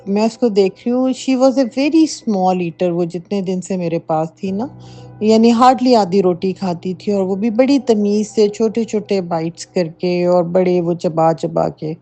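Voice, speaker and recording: Mellow-voiced middle-aged woman telling a story. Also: mid-range voice. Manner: emphatic, conversational storytelling with frequent fillers. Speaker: listener sharing a personal story. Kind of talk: casual spoken account of a true haunting. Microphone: home voice note. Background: faint background music.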